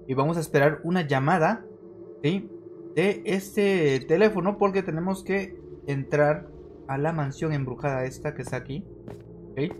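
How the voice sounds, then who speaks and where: A man streaming a horror game, chatting to his viewers and getting jumpy and excitable, yelling when scared. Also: on the high side, a little hiss or hum. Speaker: gaming streamer. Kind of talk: let's-play commentary.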